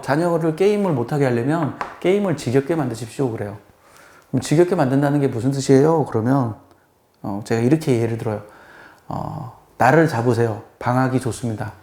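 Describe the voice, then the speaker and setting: A man teaching as a math tutor in a conversational lecture, acting out the people he quotes. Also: medium pitch. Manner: lively, acts out quoted people. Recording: echoey room.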